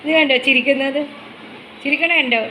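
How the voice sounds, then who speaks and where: Bright high-voiced woman cooing at her dog. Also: fairly quick, a little hiss or hum. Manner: high sing-song baby talk to the pet, then calm chat to viewers. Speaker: vlogger, dog owner. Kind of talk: casual home vlog, talking to her dog. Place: home, near the kitchen. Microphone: phone camera.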